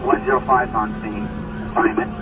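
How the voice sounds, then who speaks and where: A man's voice: mid-range voice, steady tone, normal speed, over loud music. A man radioing fire command with urgent, clipped replies over a two-way radio. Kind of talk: urgent firefighter radio traffic. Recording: distant, very noisy radio with vehicle sounds.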